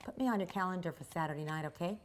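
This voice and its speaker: A woman playing a pushy, flirty office coworker in a training skit, loud and teasing. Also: on the low side, rapid-fire, close to an everyday voice. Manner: loud, teasing, laughs often. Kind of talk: training video role-play.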